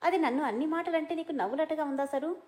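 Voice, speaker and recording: A woman voicing a hot-tempered, sharp-tongued young man who scolds angrily. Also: a little high, fairly quick, close to an everyday voice. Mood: indignant. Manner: angry, scolding.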